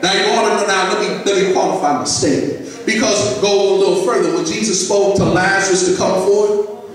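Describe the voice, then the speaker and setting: A man preaching in call-and-response fashion, his voice pitched high. He is caught from well back in a large, echoing sanctuary with a long hall reverb. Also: fairly quick. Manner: call-and-response preaching, repeats phrases for emphasis. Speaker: pastor. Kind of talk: sermon. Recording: echoey sanctuary, mic from far off.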